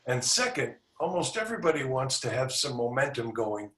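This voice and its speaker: A sales coach appears as a guest in a podcast interview over a video call, giving confident, instructive advice. His medium-pitched, fairly bright voice is very animated and brisk. He is in an indoor room with a back wall, and the sound is roomy, as he is distant from the mic.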